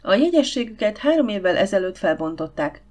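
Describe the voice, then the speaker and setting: A woman's voice: medium pitch, big pitch swings, darkish tone, lightly acted. A woman voicing a reserved, flustered young lady in an audiobook, speaking hesitantly. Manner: hesitant and reluctant.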